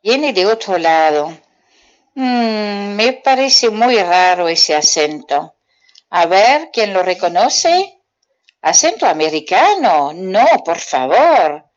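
On community radio, a French teacher from Belgium gives children a playful lesson, quizzing them with riddle-like questions she then answers herself. Her Belgian French-accented, mid-range voice moves slowly with big swings in pitch, and the sound is lo-fi.

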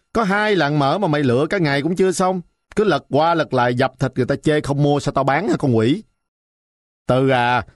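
A man voicing a shrill, sour-tongued old woman who bullies a village market, scolding and threatening. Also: no echo, clean studio sound, natural voice.

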